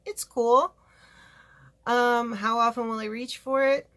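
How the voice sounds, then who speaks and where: This woman from California, USA, speaks slowly in a fairly high, fairly bright voice with fairly even intonation. In her home studio she reviews makeup as a beauty vlogger, chatty, frank and rambling with asides.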